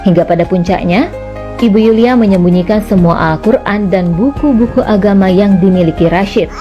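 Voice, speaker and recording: A woman reading scripted documentary narration in a measured, even delivery. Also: medium pitch. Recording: dull lo-fi broadcast with music behind.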